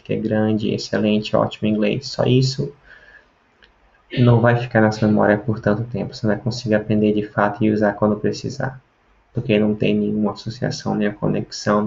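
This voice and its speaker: A man's voice: on the low side, creaky, a little mellow, muffled recording. A man teaching a video lesson, explaining step by step and often checking in with tag questions. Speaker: language teacher.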